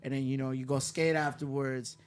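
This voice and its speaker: A man's voice: mid-range voice, flat delivery, a little fast, crowd noise. A young man from Fresno County, California, a podcast guest chatting in a laid-back, slangy, rambling way. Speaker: podcast guest, music producer. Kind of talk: casual podcast chat.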